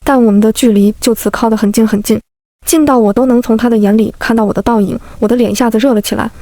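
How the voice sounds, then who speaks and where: Woman narrating a web novel fast, lively, dry close mic sound. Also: fairly high pitch, dry recording. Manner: lively storytelling, plays all the characters.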